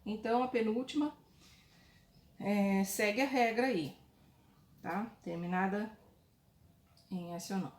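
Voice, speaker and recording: Brazilian woman, schoolteacher, unhurried delivery, patient and repetitive, echoey room. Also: mid-range voice. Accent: Brazilian Portuguese. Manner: slow, patient, repeats points for young pupils. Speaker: teacher. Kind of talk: recorded online class for children.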